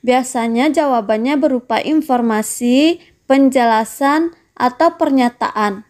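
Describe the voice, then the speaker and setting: A woman's voice: high-pitched, unhurried, darkish tone. A woman narrating a primary school lesson, talking to the pupils in a friendly way and putting questions to them. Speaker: teacher.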